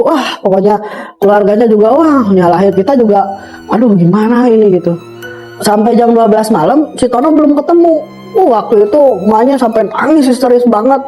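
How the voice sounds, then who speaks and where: A young man, a guest storyteller, recounts a personal story in casual, rambling speech packed with fillers, often calling the listener "brother." His voice is very high-pitched and mellow, though the audio quality is poor.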